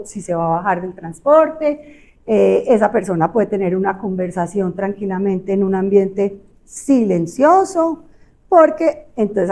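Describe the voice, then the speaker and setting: An audiologist with a Colombian Spanish accent gives a conversational health lecture in a warm, medium-pitched voice. She explains things chattily, with lots of fillers and rhetorical tag questions.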